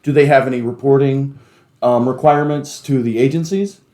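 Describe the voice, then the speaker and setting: A male co-host asking interview questions in a halting way, often restarting them. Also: medium pitch, dark tone, echoey room.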